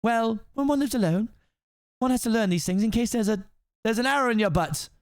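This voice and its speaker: A man's voice: extremely high pitch, brisk, clear, resonant tone, no room sound, studio quality, voice pushed up. A man voicing a feisty young princess with a prim, assertive manner, polite but bossy. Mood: concerned.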